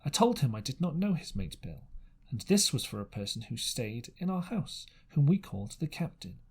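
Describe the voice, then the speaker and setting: An amateur reader narrates an adventure audiobook in a dramatic style, though he halts, stumbles over phrases, and rereads them. His mid-range voice is sing-song and slightly rough.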